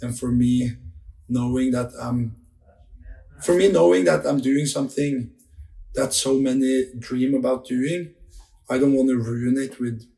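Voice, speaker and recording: A man's voice: mid-range voice, steady tone, unhurried, gravelly, pauses often, dark tone, reverberant. A young man from Norway with a Norwegian accent, telling stories casually in an interview, full of "like" fillers and restarts. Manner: loose storytelling with many "like" fillers and restarts. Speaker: interviewed music artist.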